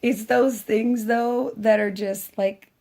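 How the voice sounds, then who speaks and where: A woman chatting casually on a family vlog, animated and giggly, with lots of restarts. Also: on the high side, slow pace, creaky. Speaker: adoptive mother, vlogger. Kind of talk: casual chat.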